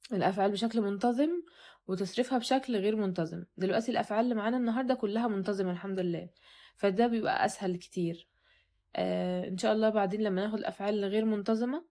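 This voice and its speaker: A young woman with an Egyptian Arabic accent teaches beginners in a recorded online lesson. She talks at a medium pitch and explains patiently. She drills each verb form with slow, careful repetition. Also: a little mellow. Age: young adult. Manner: patient, repeats words slowly for drilling. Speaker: Spanish teacher.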